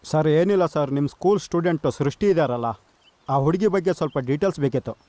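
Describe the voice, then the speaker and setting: A man's voice: a little high, animated, fast talker, mellow, dry recording, close to an everyday voice. A man playing a polite young police trainee who asks questions respectfully. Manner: polite, deferential. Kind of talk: low-budget film acting.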